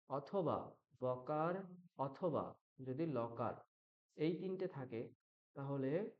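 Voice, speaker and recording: A man leads a chanting lesson in a slightly raised voice. He corrects students patiently and slows right down to demonstrate each syllable. The sound is muffled and lo-fi. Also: on the high side. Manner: patient, corrective, models pronunciation slowly. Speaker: Sanskrit chanting teacher. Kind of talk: online chanting class instruction.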